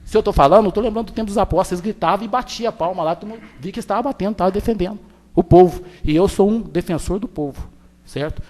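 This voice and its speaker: A man's voice: high voice, rapid-fire, darkish tone. A man, a town councilman giving an indignant, emphatic floor speech in the council chamber. He repeats his points over and over.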